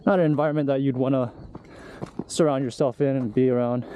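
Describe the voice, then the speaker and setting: A man's voice: medium pitch, fairly even intonation, a little fast, muffled recording. Winded young man vlogging on a hike. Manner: rambling, loose and candid. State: out of breath. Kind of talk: casual vlog talk while hiking. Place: outdoors on a hiking trail. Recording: outdoor recording with clear background noise.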